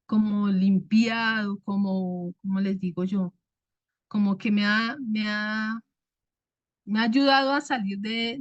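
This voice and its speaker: A woman giving a casual devotional talk to a women's church group, with many restarts and fillers and a naturally loud way of speaking. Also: medium pitch, no room sound. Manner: loud speaker by her own account. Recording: dull, dry sound.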